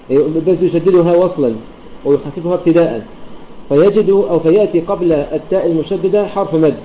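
A man with a dark, warm, fairly high voice teaches Quran recitation online, explaining each rule quickly and then reciting the examples. The sound is dull and lo-fi, like an online voice chat room, with a faint hiss underneath. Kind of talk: online lesson on recitation rules.

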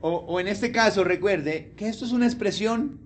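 Pastor, very high voice, keeps asking the church questions. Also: male voice, moderate pace, slight background noise. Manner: conversational, asks the congregation questions. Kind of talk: sermon.

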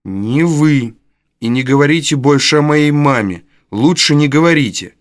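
A man voicing a quiet, grieving orphan boy in a storybook reading, speaking softly and subdued. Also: on the high side, lively intonation, normal speed, no room sound, clean studio sound, voice pushed up, natural voice. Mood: hurt. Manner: soft, subdued, hurt.

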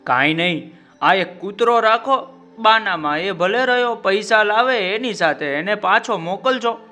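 Guy doing a proud nomad trader, quick temper, bright high voice, storybook. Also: animated, faint music behind, full character voice. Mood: tender. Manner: shouting in anger, then wailing in grief. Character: proud male nomad trader, hot-tempered then grieving.

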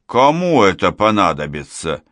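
A man's voice: sits low, lively intonation, a little slow, a bit bright, no echo. A man voicing a fretful, talkative retired postman, older and self-pitying, in an audiobook. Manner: plaintive, wordy, self-pitying.

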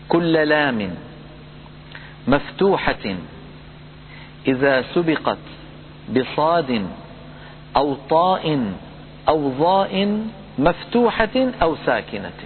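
A man teaching Quran recitation rules, patiently repeating points and slowly chanting example words. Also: on the high side, sing-song. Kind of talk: lesson on tajweed rules. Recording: phone-like audio with hum and reverb.

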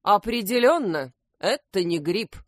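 A woman's voice: medium pitch, expressive, a little slow, no room sound, clean studio sound, close to an everyday voice. A woman voicing a cheerful, confident male animal detective.

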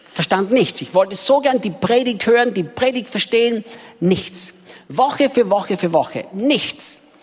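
A woman giving a sermon in animated storytelling style. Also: mid-range voice, unhurried, husky. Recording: long hall reverb.

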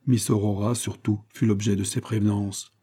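Guy reading an old novel out loud, real dark husky voice, steady storytelling. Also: lowish voice, moderate pace. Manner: even storytelling, lifts voice for quoted speech. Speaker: audiobook reader. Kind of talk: scripted narration of a classic novel.

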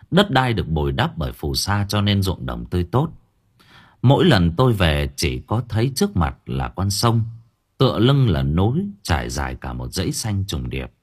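Deep husky male storyteller. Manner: expressive, measured storytelling. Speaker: audiobook narrator. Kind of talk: first-person horror story narration.

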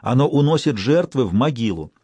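A man's voice: mid-range voice, lively intonation, fairly quick, warm tone, breathy edge, no echo. A man reading an audiobook, voicing a panicky young male bank clerk in a hysterical, pleading way.

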